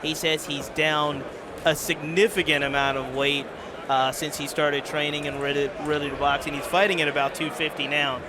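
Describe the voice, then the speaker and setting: A man giving live boxing play-by-play, measured and speaking directly to the audience. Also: a little high, little pitch movement. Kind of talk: live sports commentary. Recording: loud music and crowd behind.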